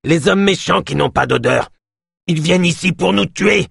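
Small frightened oddball, played by a man, yelping high warnings in an audiobook; husky edge. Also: normal speed, a bit bright, dry recording, studio quality, exaggerated voice. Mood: frantic. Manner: high, shrill, frantic outcries. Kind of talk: audiobook narration.

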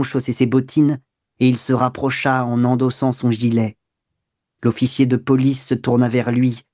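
A man narrates a classic novel in measured, even audiobook style. His voice sits at an ordinary middle pitch. The recording is close and dry. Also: no echo.

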